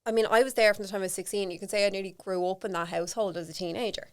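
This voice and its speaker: A woman's voice: mid-range voice, fairly even intonation, rapid-fire, clean tone. A woman with an Irish accent, a podcast guest telling personal stories candidly and chattily in casual conversation. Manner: candid, frank storytelling with casual swearing; chatty, lots of fillers like "like".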